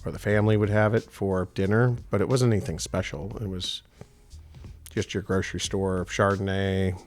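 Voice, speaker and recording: A man's voice: sits low, level tone, moderate pace, faint music behind. A middle-aged man from Houston with a faint Texan accent, a winemaker guest chatting casually and telling stories with plenty of fillers. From Houston, Texas. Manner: rambling, storytelling, many fillers. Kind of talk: casual interview chat.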